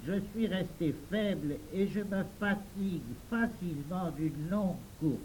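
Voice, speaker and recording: A man reading a gentle, flustered boy. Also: high-pitched, a little slow, a little hiss or hum, poor audio. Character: kind, overworked boy errand-runner. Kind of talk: audiobook character reading.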